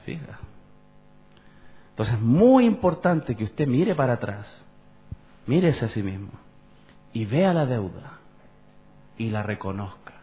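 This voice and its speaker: A pastor, preaching conversationally and asking the congregation questions. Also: male voice, mid-range voice, big pitch swings, takes it slowly, pauses often. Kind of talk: sermon. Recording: dull lo-fi church recording.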